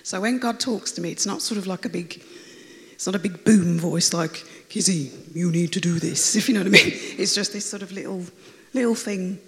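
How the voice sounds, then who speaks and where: A woman with a raspy, croaky voice that always sounds like she has a cold, chattily telling her testimony to a church congregation, rambling with fillers and restarts. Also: medium pitch, a little fast, fairly bright tone. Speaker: church member giving a testimony. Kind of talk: personal testimony told to a congregation. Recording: long reverb of a large hall.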